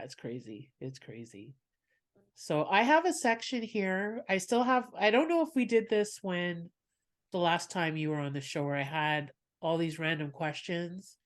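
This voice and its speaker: Her voice is lowish and unhurried with lively intonation as she, a podcast host and comedian, rambles through asides and laughs frequently while chatting with a guest.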